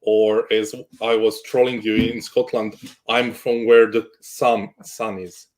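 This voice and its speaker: A man's voice: on the low side, level tone, takes it slowly, darkish tone. Joking man, guest. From Croatia. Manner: good-humored, jokey, frequent restarts. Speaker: guest, cloud architect. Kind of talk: casual interview chat.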